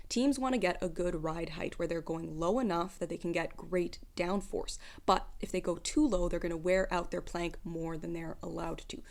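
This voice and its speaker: A woman with a just-woke-up morning voice, explaining things informally and articulately like a vlogger. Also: on the low side. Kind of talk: informal explanatory commentary to camera.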